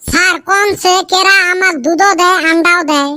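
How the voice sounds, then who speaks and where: For a Bengali comedy cartoon dub, a woman with a very high-pitched, steady voice talks a little fast as cheeky, scheming village schoolboys, sounding childlike. They argue and wheedle with mock innocence in a Rajbongshi accent, over a noisy background.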